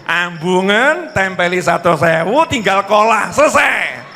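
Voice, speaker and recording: A middle-aged man preaching a lively, joking sermon that speaks directly to the audience. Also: sits high, unhurried. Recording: echoey hall reverb.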